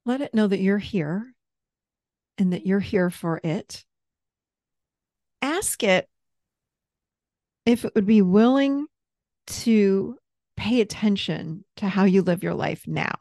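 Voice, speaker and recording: A woman therapist gently guiding someone through a parts-work session with patient, step-by-step prompts. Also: medium pitch, expressive, slow pace, long pauses, no echo, studio quality.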